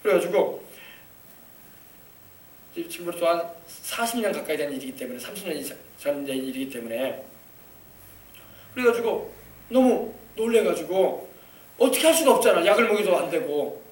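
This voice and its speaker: A male pastor preaching a sermon as a story, acting out the people in it and breaking into loud hallelujahs. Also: on the high side, animated, moderate pace, pauses often, a little hiss or hum. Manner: storytelling, acting out quoted voices, rising to shouts of hallelujah. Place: church sanctuary. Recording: echoey church hall, mic at a distance.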